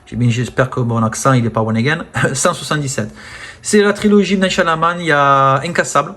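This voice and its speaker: A man chatting casually about films from his collection, full of fillers, often trailing off softly at the ends of phrases. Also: on the high side, fairly quick. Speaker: film collector presenting his steelbooks. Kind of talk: casual unboxing-style chat.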